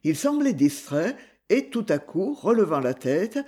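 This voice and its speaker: A man reading a novel aloud as an audiobook narrator, with a husky voice and lively storytelling. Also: high-pitched, measured pace. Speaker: audiobook reader.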